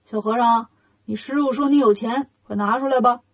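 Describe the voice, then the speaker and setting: A woman's voice: on the high side, steady tone, normal speed. A woman doing greedy, blustering bandits.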